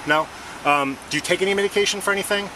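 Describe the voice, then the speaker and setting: A police officer talks to a driver at a roadside, recorded on a body-worn camera, with clear traffic noise behind him. His voice sits a little high for a man. He stays calm and procedural, and keeps checking in with "okay". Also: fast. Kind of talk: bodycam questioning at a crash scene. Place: outdoors by a car at a roadside. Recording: noisy bodycam audio with traffic.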